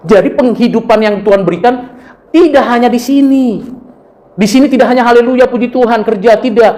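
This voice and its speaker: Here a middle-aged Indonesian man speaks in a very high voice, a little quickly, as he preaches. A preacher and university lecturer, he narrates personal stories with lively energy and impersonates the people he quotes.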